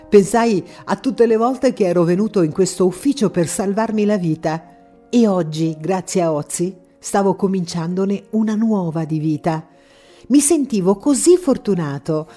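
Woman, calm radio book reading, mellow voice, faint music underneath. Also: medium pitch. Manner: calm, measured storytelling.

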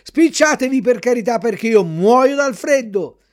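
A man's voice: very high voice, expressive, normal speed, voice pushed up. A man voicing a wooden puppet boy who pleads urgently and whines when he is kept waiting. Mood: pleading.

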